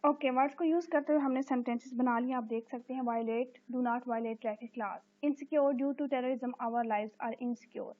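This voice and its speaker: A female teacher gives a recorded lecture, reading English sentences slowly and explaining them in Urdu with a frequent "okay". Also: high-pitched, fairly even intonation. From Pakistan. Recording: tinny phone-like audio.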